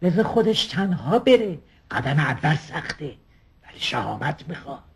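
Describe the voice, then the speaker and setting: An actor playing a pushy male psychiatrist who keeps pressing his patient with insistent, coaxing questions, in a raspy voice. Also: fairly high pitch, big pitch swings, exaggerated voice. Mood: probing.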